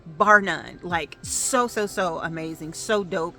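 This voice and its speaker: A middle-aged woman vlogging to camera, telling a story in a chatty, animated way with plenty of fillers. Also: fairly low pitch, takes it slowly, soft background music.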